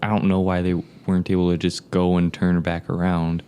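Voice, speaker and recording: Smooth low-voiced young man. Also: monotone, a little fast, warm tone. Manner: filler-heavy, lots of "like". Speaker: show co-host. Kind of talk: casual chat.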